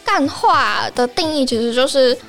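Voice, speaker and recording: A woman's voice: high voice, animated, normal speed, fairly bright tone, soft background music. A woman with a Taiwanese Mandarin accent hosting a casual language lesson on slang in a chatty, playful way. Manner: chatty, playful, acts out short examples. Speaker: podcast host and Japanese teacher.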